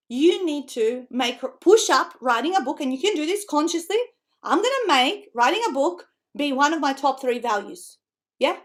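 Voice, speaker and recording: With a high voice and lots of energy, this middle-aged book-writing coach from North Macedonia runs an online seminar. Macedonian is her native language, and her accent is Australian with a Macedonian tinge; she chats freely, laughing often and tossing in tag questions.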